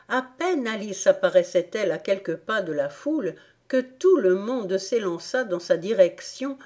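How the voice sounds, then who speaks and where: A woman reading a children's classic aloud as an audiobook narrator, in a measured, deliberate storytelling manner. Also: mid-range voice, warm tone. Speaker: audiobook reader. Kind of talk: scripted narration.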